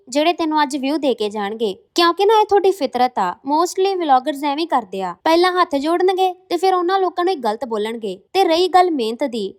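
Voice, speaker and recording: A woman runs through a scripted roast, her high voice sharp with sarcasm. She mocks steadily, line after line. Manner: sarcastic, mocking. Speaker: roast video host.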